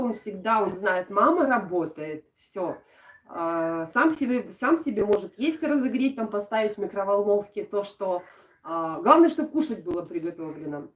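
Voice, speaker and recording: A young adult woman with an Odesa accent chatting casually and affectionately to live-stream viewers, in a halting way with thoughts that trail off. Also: mid-range voice. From Odesa region, Ukraine. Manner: affectionate, uses endearments and diminutive names. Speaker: craft video blogger and live streamer. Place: indoors at home. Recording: echoey room, distant microphone.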